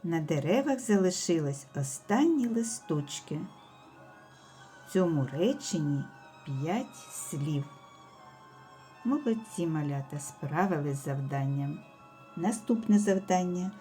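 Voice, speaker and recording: A woman teaching a speech development lesson for young children, speaking slowly and clearly with careful enunciation. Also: low-pitched, animated, dark tone, faint music behind. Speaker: preschool teacher.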